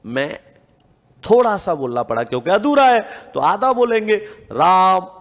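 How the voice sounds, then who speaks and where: A man's voice: high-pitched, very animated, normal speed, big-room sound. A man teaching a grammar lesson. He asks the class questions, answers them himself, and stretches out sounds to demonstrate them.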